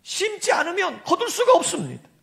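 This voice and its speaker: Lady pastor preaching, tells stories, very high voice with some gravel. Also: wildly swooping pitch, a little fast, fairly bright tone. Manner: storytelling, addresses congregation, leads call-and-response. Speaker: senior pastor. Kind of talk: sermon.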